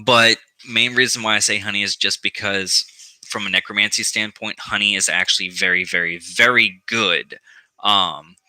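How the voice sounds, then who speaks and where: A man's voice: fairly low pitch, steady tone, moderate pace, sharp tone, dry recording, poor audio. A man giving a casual how-to vlog on occult practice, rambling with lots of ums and restarts and some profanity.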